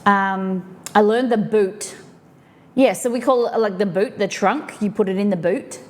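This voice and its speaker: A woman's voice: medium pitch, measured pace. An Australian woman streaming live, chatting casually and explaining slang with lots of fillers and restarts. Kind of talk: casual chat.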